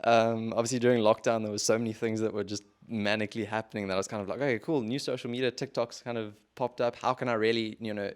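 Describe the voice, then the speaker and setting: A man speaking as a podcast guest in a casual interview, measured and hedging with many filler phrases. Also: fairly low pitch, little pitch movement. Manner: measured, hedging with "sort of" and "kind of".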